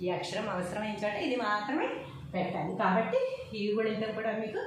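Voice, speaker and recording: A woman teaching a lesson, reciting syllables slowly and explaining how to write them. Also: medium pitch, big pitch swings. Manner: slow, drawn-out recitation of syllables. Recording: echoey room, faint noise.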